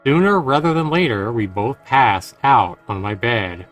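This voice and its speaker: Reading lines from a visual novel on his livestream, a man breaks in with earnest, casual commentary directed at his viewers. He sounds very animated, mid-range and fairly bright, keeping a measured pace, with faint game music behind.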